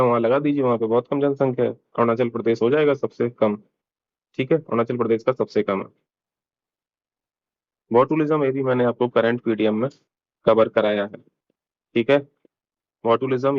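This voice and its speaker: A man's voice: medium pitch, dull audio. A man teaching an exam-prep lesson in a casual, chatty way, explaining each answer step by step and mixing in English terms.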